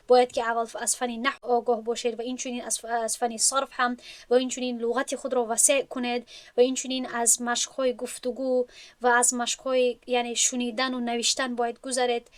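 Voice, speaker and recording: A woman's voice: fairly high pitch, dry recording. A woman, lecturing her students in an earnest, instructive way and often restating her points. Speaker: teacher at an Islamic school for women.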